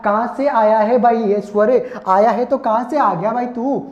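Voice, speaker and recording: A man teaching an exam-prep class, explaining each point over and over, calling his students friends and slowly sounding out vowels. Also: very high-pitched, fairly even intonation. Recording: echoey room, dull lo-fi sound.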